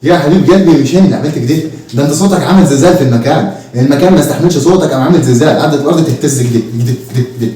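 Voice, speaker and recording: A man plays an exasperated Egyptian teacher who lectures at great speed and mocks and threatens his student. His voice is mellow and fairly high for a man. It sounds distant in a strongly echoing room. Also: racing, lightly acted. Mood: lecturing. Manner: mocking, threatening, preachy. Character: exasperated, stick-wielding male teacher. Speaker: comic actor. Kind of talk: comedy sketch acting. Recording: echoey room, mic far off.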